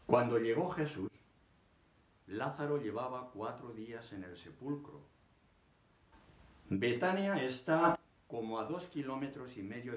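An older man reading scripture aloud from a book in a living room, measured and emphatic. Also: medium pitch, echoey room. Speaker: scripture reader. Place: living room, seated on a sofa.

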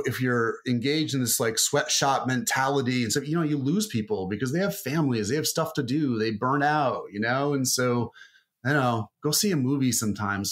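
This man, a marketing guest, chats casually in a podcast interview, rambling and restarting often with plenty of fillers. He has a mid-range voice with a fairly bright tone.

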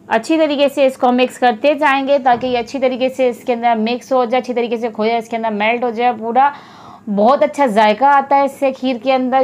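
A woman's voice: fairly high pitch, a little mellow. A woman hosting a cooking channel, narrating a step-by-step recipe in a chatty, explanatory voice-over that speaks straight to viewers.

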